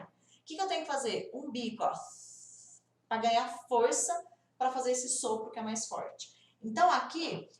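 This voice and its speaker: A woman, a native Portuguese speaker, teaching English pronunciation and demonstrating each sound slowly. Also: sits high, reverberant, distant mic. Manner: demonstrative, drawn-out sound examples. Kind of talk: pronunciation lesson.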